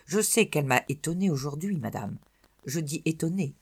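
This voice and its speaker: A reader voicing a stern old male music teacher who talks in a murmured, secretive, confessor-like way, shifting between loud and soft. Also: medium pitch, lively intonation, normal speed, slightly rough. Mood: grave. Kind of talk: audiobook character voice.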